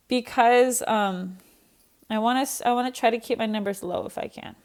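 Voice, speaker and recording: Chatty young woman teaching math, gravelly edge. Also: on the high side. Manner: chatty and self-deprecating, thinking aloud. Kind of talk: recorded online math lesson.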